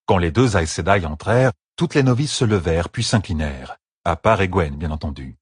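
Husky low man reading a story. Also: dry recording, studio quality. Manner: measured, expressive reading. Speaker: audiobook narrator. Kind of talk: scripted fantasy narration.

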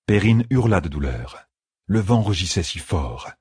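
An audiobook narrator with a very deep, husky male voice reads a fantasy novel from a script. He keeps his delivery steady and measured. The recording is dry and close, with no room sound at all.

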